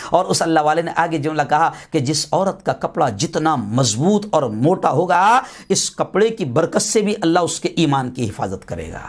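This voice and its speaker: A male preacher with a high, ringing voice delivers a fiery, impassioned sermon with a lilt. He repeats phrases for force and builds to shouted exhortations, staying very animated with hardly any pauses.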